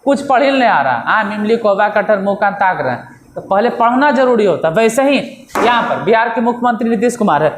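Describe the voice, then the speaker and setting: A man's voice: high-pitched, very animated, fairly quick. A man with a Bihari accent teaching a classroom grammar lesson, coaxing and repetitive, often calling his students to listen. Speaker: English teacher. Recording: echoey room with faint ambient noise.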